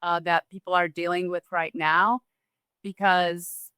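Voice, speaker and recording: A woman from Romania talking as a guest in a relaxed, thoughtful interview, with restarts and small laughs. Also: fairly low pitch, unhurried, clean tone, no echo. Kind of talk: casual conversational interview.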